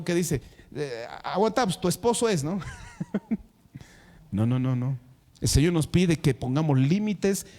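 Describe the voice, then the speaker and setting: A man's voice: a little high, dark tone. A male pastor preaching a sermon who addresses the congregation directly and repeats words for emphasis.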